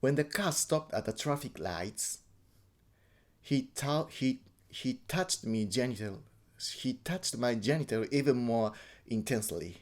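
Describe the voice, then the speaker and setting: A man from Japan with a Japanese accent gives a personal account in halting English, often repeating and correcting words. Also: mid-range voice, lively intonation. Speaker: interviewee.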